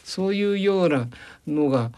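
A man's voice: high voice, animated, normal speed, darkish tone. A man as a guest journalist on a radio interview, telling anecdotes chattily and slipping into quoted voices and regional dialects. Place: radio studio.

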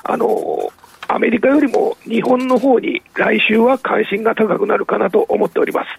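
Hoarse, high-pitched man with a sore throat. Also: steady tone, a little hiss or hum. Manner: polite, measured. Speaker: market reporter. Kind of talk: radio market commentary.

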